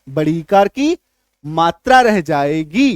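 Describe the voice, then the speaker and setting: Man teaching, quizzing with quick questions. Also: fairly high pitch, big pitch swings, no echo, studio quality. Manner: repeats points and quizzes the listener with quick questions; drills word lists aloud, one word at a time. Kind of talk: spoken classroom lesson.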